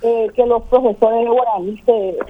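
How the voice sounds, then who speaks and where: A woman's voice: a little high, fairly even intonation, moderate pace, a loud crowd. An older woman, a gastronomy researcher and teacher, rambling and repeating herself in a casual phone interview. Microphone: telephone. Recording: tinny phone line.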